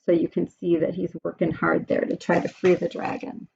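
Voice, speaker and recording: A woman's voice: fairly low pitch, completely flat delivery, normal speed, vocal fry, a little mellow, a little hiss or hum. A woman teacher reading a picture book aloud to students in a friendly, explaining way, with some fillers. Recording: dull lo-fi recording.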